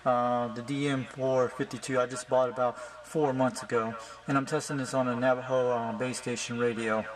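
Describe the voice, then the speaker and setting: A man with a mid-range voice talks at a moderate pace with few pauses, rambling and repeating himself casually while testing his radio gear, like a hobbyist showing off his setup. The amateur recording is very noisy, with a loud hum and loud steady background noise.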